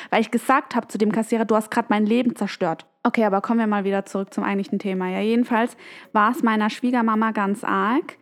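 A young woman speaks with a fairly high voice. She tells a personal story to her viewers in a loose, chatty way, leaning on slangy words and casual fillers. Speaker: vlogger.

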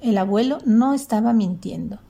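A woman narrating a storybook in a measured, expressive way. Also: medium pitch, creaky. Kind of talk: storybook reading.

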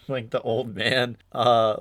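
A man co-hosting a relaxed podcast, recounting TV gags with lively energy. He jumps into a high voice when quoting characters. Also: very slow. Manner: animated storyteller who acts out quotes in a high voice. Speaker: podcast co-host. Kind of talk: casual chat.

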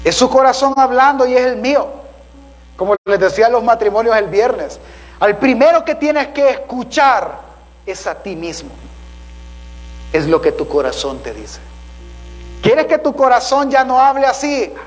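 A man's voice: very high-pitched, very animated, moderate pace, long pauses, rough recording. A man preaching a sermon as a pastor, calling listeners "brother" and asking them rhetorical questions.

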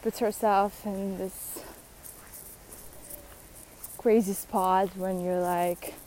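Slow-talking young woman venting casually. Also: medium pitch, steady tone, mellow, a little hiss or hum, low-quality recording. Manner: chatty, blunt, swears, many fillers. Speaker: vlogger.

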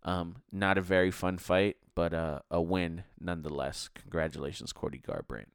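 A man's voice: deep voice, steady tone, normal speed, creaky, clean tone, no echo, clean studio sound. A man hosting a podcast, giving a casual, chatty rundown of fight results and chuckling now and then. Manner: chatty, laughs between results. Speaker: podcast host. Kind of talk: casual fight review monologue.

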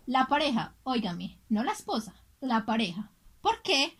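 A woman's voice: on the high side, sing-song, normal speed, breathy edge. A woman co-hosting a casual podcast, telling a story in a chatty, gossipy way. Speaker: podcast co-host. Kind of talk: casual chat.

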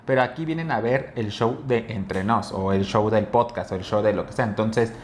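A man's voice: on the low side, normal speed, a little hiss or hum. A young man with a Mexican accent, co-hosting a podcast and telling stories in a rambling way, full of fillers and restarts. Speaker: podcast co-host. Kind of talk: casual chat.

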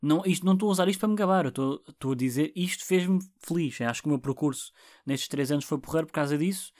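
A man's voice: a little high, racing, darkish tone, no echo, clean studio sound. A man in his twenties with a European Portuguese accent, hosting a casual solo podcast, rambling and swearing with many restarts. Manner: rambling and profane, with frequent restarts and fillers. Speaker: podcast host.

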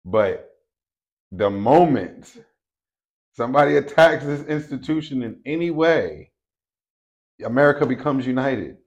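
A man's voice: medium pitch, expressive, unhurried, pauses often, highs cut off. A man co-hosting a podcast in casual chat, making his points with emphasis and repeating them. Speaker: podcast co-host.

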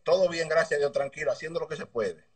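A man with a Dominican accent, a mechanic telling stories from his past in a relaxed, rambling way in an interview over a video call. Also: fairly high pitch, quick pace. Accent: Dominican Spanish. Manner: relaxed, rambling anecdotes with slang. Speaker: guest, motorbike mechanic. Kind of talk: casual interview storytelling. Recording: distant video call audio.

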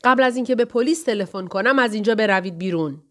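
Stern unsmiling male publisher, clipped and scornful, pitched up; a woman narrator puts him on. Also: lively intonation, lightly acted. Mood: angry. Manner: curt, dismissive. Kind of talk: audiobook reading.

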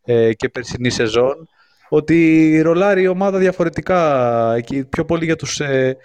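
A man's voice: a little high, expressive, darkish tone, a little hiss or hum. A man calling in to a casual chat show, talking about basketball with many fillers and restarts. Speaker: caller.

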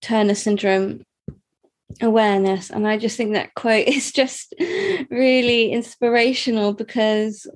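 Speaking at a measured pace, a young UK woman recounts her life in an interview, hesitant and prone to fillers and restarts. Her pitch is fairly high but barely moves.

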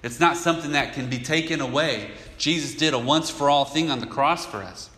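Male pastor, sermon, bright clear voice, conversational and emphatic, long hall reverb. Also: on the high side, fairly quick.

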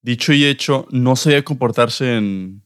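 A man's voice: medium pitch, normal speed, smooth. A young man with a northern Mexican accent chatting casually as a podcast co-host in slangy, informal speech with some swearing. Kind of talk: casual chat.

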